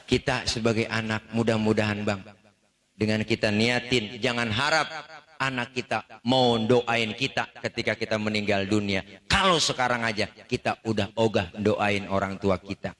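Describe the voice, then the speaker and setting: A man with a Betawi accent giving a humorous sermon at a religious family gathering, telling lively stories and acting out scenes. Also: on the low side, moderate pace. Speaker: Islamic preacher.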